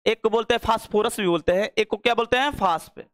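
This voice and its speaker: A man's voice: high voice, fast talker, a bit bright, dry recording, clean studio sound. A young man teaching a biology lesson, asking questions and repeating the answers again and again. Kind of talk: classroom-style biology lesson.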